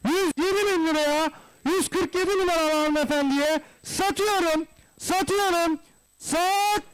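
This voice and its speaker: A man's voice: very high voice, measured pace, rough recording. A man working as a livestock auctioneer, calling out bids in repeated phrases and addressing guests formally and courteously. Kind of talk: live auctioneer calling bids, repetitive price chant.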